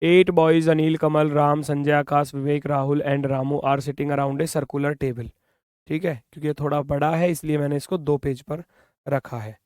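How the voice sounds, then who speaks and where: A man teaching reasoning in an online exam-prep class, brisk and coaxing, sometimes scolding students playfully, speaking English with an Indian accent. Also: on the high side, little pitch movement, darkish tone, smooth, dry recording, studio quality.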